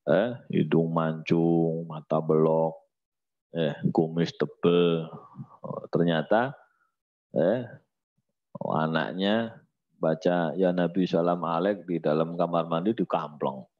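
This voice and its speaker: A man leads a religious lesson in a low voice that leaps up and down in pitch. He mixes chanted Arabic phrases with joking, everyday talk. The recording sounds a bit dull and lo-fi. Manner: lively, teasing, mixes Arabic recitation with colloquial speech. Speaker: Islamic religious teacher.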